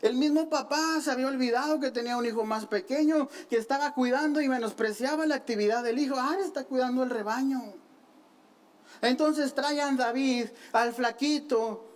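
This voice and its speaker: Woman preacher with a fairly high voice, animated storytelling with teasing asides. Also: a little fast, few pauses. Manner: animated storytelling, acting out the quoted lines; playful, self-mocking asides. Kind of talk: sermon.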